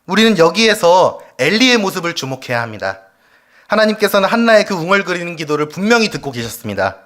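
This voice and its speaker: A man's voice: high voice, very animated, fast talker, a bit bright. A male evangelist preaching a weekday church sermon, leading the congregation through scripture and asking them questions. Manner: leads the congregation in reading scripture aloud; asks the congregation rhetorical questions. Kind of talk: Wednesday service sermon. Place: church sanctuary.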